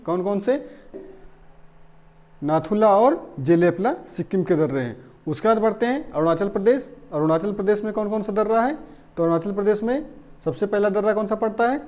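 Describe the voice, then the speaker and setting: A man's voice: sits high, a little mellow. A man teaching an exam-prep geography lesson, pointing at a map and repeating lists for memorizing. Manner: repeats lists for memorizing, frequent "theek hai".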